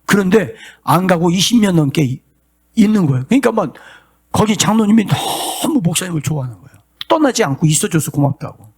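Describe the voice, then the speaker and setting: A middle-aged man preaching, his voice pitched high and slightly husky. He moves widely in pitch, swinging from quiet conversational asides to fervent shouted and half-sung appeals. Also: sing-song, a little fast. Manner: impassioned preaching, rising to shouts and sung cries. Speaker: pastor. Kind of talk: sermon.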